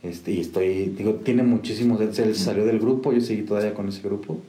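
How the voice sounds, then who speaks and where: Low-voiced man, mellow and echoey. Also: fairly even intonation, a little fast. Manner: rambling with many restarts and fillers. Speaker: musician guest. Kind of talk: casual storytelling. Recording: echoey room with faint noise.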